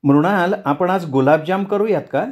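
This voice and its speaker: A man's voice: high voice, moderate pace, darkish tone, pitched above the performer's own voice, natural voice. A man voicing a caring, anxious mother. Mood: coaxing. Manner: coaxing, firm with emphasis on each word. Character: caring anxious mother, woman, middle-aged.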